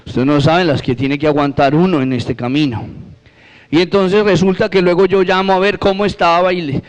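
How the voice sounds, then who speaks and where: A man shares his religious testimony with an audience in a fairly high voice. He tells it like a lively story, acting out each conversation and keeping it light with humor. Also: brisk, dull audio. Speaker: speaker giving a religious testimony.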